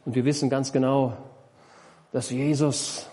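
Emphatic male preacher, middle pitch. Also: level tone, measured pace, mellow. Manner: explains with questions to the congregation; emphatic, repeats key phrases. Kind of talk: sermon.

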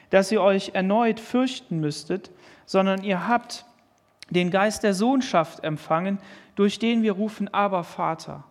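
A man preaching a sermon, earnestly reading and explaining Bible verses and asking pointed questions. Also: high voice. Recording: long hall reverb.

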